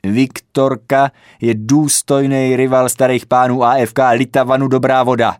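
A man's voice: mid-range voice, little pitch movement, clean tone, dry recording, clean studio sound, pitched above the performer's own voice, close to an everyday voice. A man voicing a haughty, cocky young male football fan in a read-aloud comic story. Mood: boastful. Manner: haughty, boastful.

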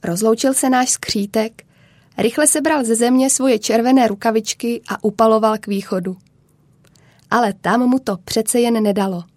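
Mellow woman narrating a children's story. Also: fairly high pitch, no echo. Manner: calm, measured storytelling.

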